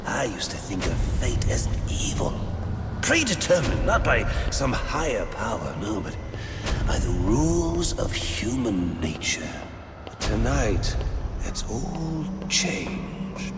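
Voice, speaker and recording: Theatrical Joker villain, swooping wildly. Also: male voice, mid-range voice, very animated, slow. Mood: intense, musing. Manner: theatrical, erratic, breaking into cackles. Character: manic male clown-like villain, theatrical, giddy, menacing. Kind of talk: theatrical video game voice acting. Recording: music under the dialogue. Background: loud dramatic music.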